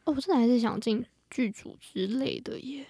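A young adult woman with a Taiwanese Mandarin accent, chatting casually and telling things in an animated, colloquial way. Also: on the high side, fairly quick, husky, no room sound. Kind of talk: casual chat.

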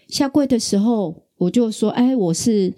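A middle-aged woman from Taiwan hosting a podcast, telling a personal story in a lively, chatty way. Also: a little high, normal speed. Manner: animated storyteller, acts out quoted voices. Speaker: podcast host. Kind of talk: casual storytelling.

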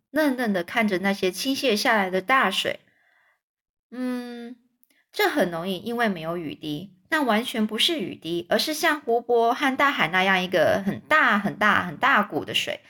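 Woman reading a children's story aloud. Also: mid-range voice. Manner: pauses to explain words simply for children; gentle, with fillers and restarts.

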